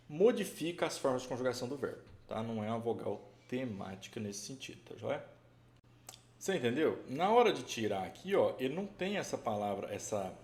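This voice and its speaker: A man's voice: mid-range voice, darkish tone. A man giving a casual live grammar class, chatty and full of check-ins, often restarting his sentences as he explains. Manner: chatty, keeps checking understanding with "tá?" and "né?"; restarts and self-corrections while explaining. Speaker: Portuguese grammar teacher. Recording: echoey room with faint background noise.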